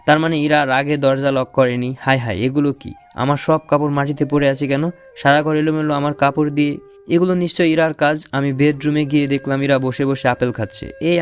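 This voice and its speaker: A young man narrating an audio romance story in first person, playful and teasing. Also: on the high side. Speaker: narrator and lead voice actor.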